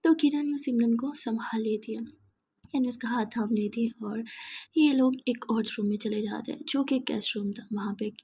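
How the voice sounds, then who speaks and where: A woman narrating a romance story, often in a soft, near-whispered voice. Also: a little high, moderate pace, slightly rough.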